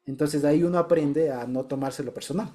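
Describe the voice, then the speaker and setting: Man, warm tone, conversational testimony, repeats words, small group Bible study. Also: a little high, brisk. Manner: chatty, repeats words and checks in with listeners.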